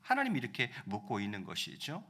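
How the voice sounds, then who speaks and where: A man's voice: mid-range voice, wildly swooping pitch, brisk, bright, forceful tone. A male pastor giving a conversational sermon, often asking the congregation rhetorical questions.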